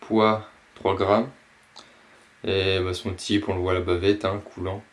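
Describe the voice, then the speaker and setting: A man casually presenting and unboxing a box of fishing lures, pausing often with fillers. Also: low voice, little pitch movement. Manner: slow, hesitant, many fillers. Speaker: fishing vlogger.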